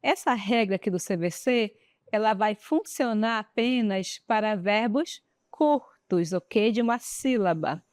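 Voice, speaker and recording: Slow, patient Brazilian teacher woman. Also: medium pitch, lively intonation, no echo. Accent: Brazilian Portuguese. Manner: explains step by step, checks understanding with frequent tag questions. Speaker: English teacher. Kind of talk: classroom lesson. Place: studio.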